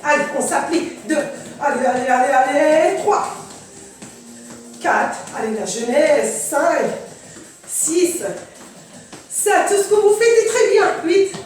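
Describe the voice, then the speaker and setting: A very high-voiced woman coaches a fitness class with energetic encouragement. She counts out repetitions at an unhurried pace between short cues. Her voice rings through a very echoey room, with music playing. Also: recorded from a distance. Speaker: aerobics instructor leading a class.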